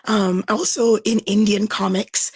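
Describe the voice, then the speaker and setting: A woman from Singapore, a guest in a casual interview, telling stories in an animated way with lots of "like" fillers. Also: medium pitch, a little slow, husky, no echo. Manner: animated storyteller, frequent "like" fillers. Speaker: guest, game player.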